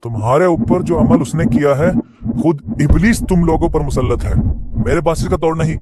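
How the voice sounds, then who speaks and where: A man's voice: medium pitch, normal speed, heavy background noise, lightly acted. An actor playing a male holy man who is overwhelmed by a curse. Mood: alarmed.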